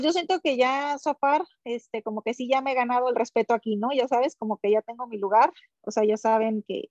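Mexican woman athlete guest, a bit high-pitched, filler-heavy chat, lo-fi dry remote line. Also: a little mellow, no room sound. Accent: Mexican Spanish. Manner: rambling, many fillers like "este" and "o sea". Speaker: guest, professional triathlete. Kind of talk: casual conversational interview.

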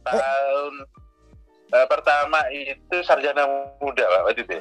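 A man's voice: mid-range voice, moderate pace, fairly bright tone, soft background music, poor audio. A man, a teacher answering politely in a casual interview, often affirming. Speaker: guest, teacher.

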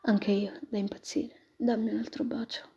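A woman's voice: on the high side, little pitch movement, moderate pace, warm tone, husky. A woman voicing a smitten young male captain, earnest and eager, on a dull lo-fi recording. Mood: tender.

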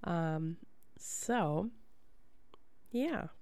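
A woman's voice: on the low side, animated, drawn-out words, warm tone, no echo. A woman hosting a podcast in casual chat, with a congested, nasal voice and a chatty, rambling manner. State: congested from a sinus problem. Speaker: podcast host.

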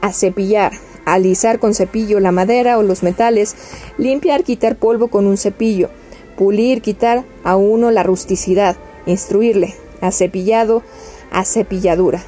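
Lady reading out dictionary entries, mellow voice, keeps stumbling n restarting words, soft music in the back. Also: medium pitch, moderate pace. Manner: steady list-like reading cadence.

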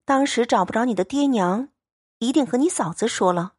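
Woman doing a gentle young maid. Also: on the high side, lively intonation, fairly quick, slightly rough, dry recording, clean studio sound.

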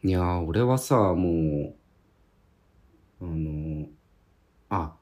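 A man from Tohoku in Japan with a slightly husky voice, chatting casually as a podcast co-host. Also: low voice, animated, very slow, mellow, muffled recording. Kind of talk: casual chat.

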